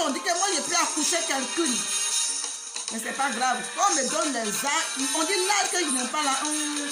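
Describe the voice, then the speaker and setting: Loud music plays behind a woman in French. She talks directly to her online audience. Her delivery is emphatic and indignant, with phrases repeated to press the point. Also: high voice. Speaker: social media video creator. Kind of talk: direct address to online followers. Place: inside her home in Germany.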